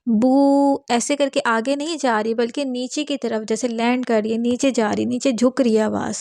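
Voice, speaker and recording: A woman teaching Quran reading, explaining patiently and spelling out each letter slowly, repeating every drill twice. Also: on the high side, steady tone, darkish tone, no echo. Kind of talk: step-by-step recitation lesson.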